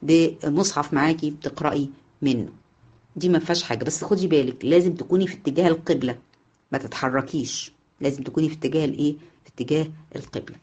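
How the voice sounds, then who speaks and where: An Islamic jurisprudence teacher with an Egyptian Arabic accent gives an online class lecture in a deep, fast, darkish voice with a breathy edge, and the audio sounds dull. She poses questions to her students, answers them herself, and repeats the main points.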